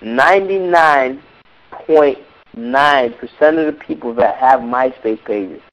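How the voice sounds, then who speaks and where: Speaking slowly in a medium-pitched, fairly bright voice, a music business coach delivers a motivational teleseminar talk despite a cold that leaves him hoarse. He stresses ideas emphatically through repetition, over dull lo-fi call audio.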